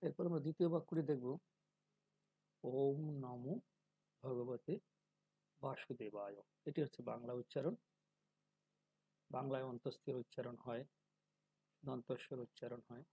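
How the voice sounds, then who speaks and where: Male teacher, measured delivery, mellow and slightly husky, dry recording. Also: medium pitch, dry recording, poor audio. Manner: slow, deliberate, drawing out syllables when demonstrating. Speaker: teacher of Sanskrit pronunciation. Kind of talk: calm spoken lesson.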